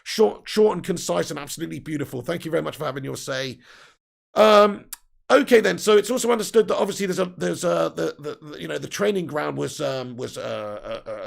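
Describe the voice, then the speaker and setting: A football fan channel host with a croaky, gravelly, slightly high voice sounds tired as he reads viewer comments on a live stream. He rants heatedly and swears a lot, breaking into laughs.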